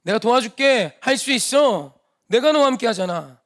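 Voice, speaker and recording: A man's voice: very high voice, expressive, moderate pace, fairly bright tone, heavily acted. A man voicing God as a fatherly figure who speaks plainly and informally, coaxing and urging. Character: God, a fatherly male voice, patient then stern.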